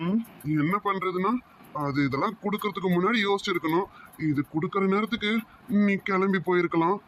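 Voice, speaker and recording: A performer voicing a teasing but protective young man who calms his girlfriend, in an amateur audio romance story. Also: medium pitch, a little fast, a little hiss or hum, lightly acted. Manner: teasing, reassuring.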